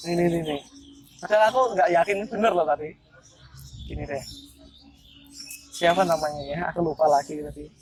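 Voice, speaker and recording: A man's voice: fairly high pitch, a little fast, pauses often. A young man, performing street magic outdoors in a park and teasing the people he plays with in a chatty, playful way. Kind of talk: casual street performance patter.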